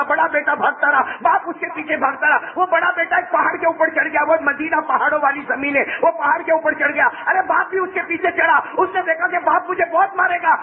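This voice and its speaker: A man preacher telling a religious story in a dramatic sermon, swinging between raised cries and hushed low passages and often asking his listeners questions. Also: vocal fry. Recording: tinny phone-like sound.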